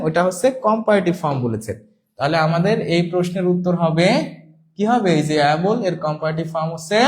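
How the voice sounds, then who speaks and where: A man with a fairly high voice teaches a live online class. He explains step by step, repeats each word and spells words out letter by letter. He reads the viewers' comments aloud as he goes. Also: a little mellow, slight background noise. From Bangladesh. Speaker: English teacher.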